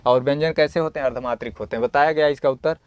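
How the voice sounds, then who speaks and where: A man's voice: a little high, rapid-fire, smooth, no room sound. Man teaching a Sanskrit exam lesson. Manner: asks the class questions and answers them himself; reads Sanskrit aloud, then explains it in plain Hindi. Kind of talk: exam-prep lesson, explaining a model paper.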